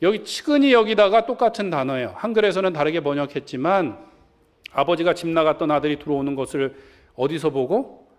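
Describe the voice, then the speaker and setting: Male pastor, fairly high voice, sermon with questions thrown to the pews. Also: a little fast. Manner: asks the congregation questions and acts out quoted lines. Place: church sanctuary.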